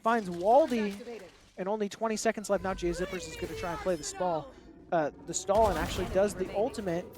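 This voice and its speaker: A young man casting a college esports match as play-by-play commentator, calling the action quickly with joking asides. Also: high voice, music in the background. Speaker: esports caster.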